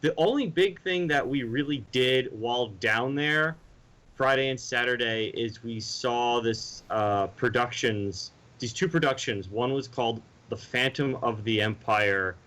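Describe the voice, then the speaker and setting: A man co-hosting a podcast chats casually, rambling with restarts and mimicked sounds. His mid-range voice is fairly bright and a little slow, and the audio quality is poor.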